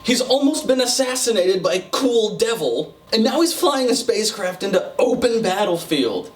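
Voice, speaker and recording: High-voiced, sarcastic man ranting in an echoey room. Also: very animated, normal speed. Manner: sarcastic, irreverent, sweary. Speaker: video reviewer, host. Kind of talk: comedic casual movie review rant. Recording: roomy, distant mic, faint noise.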